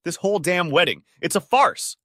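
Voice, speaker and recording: A man's voice: high voice, animated, normal speed, a bit bright, no room sound, pitched above the performer's own voice. A man playing a drunk, hostile middle-aged man who slurs and sneers. The voice lurches up and down in sour contempt, recorded close and dry. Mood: angry. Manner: slurred and sneering.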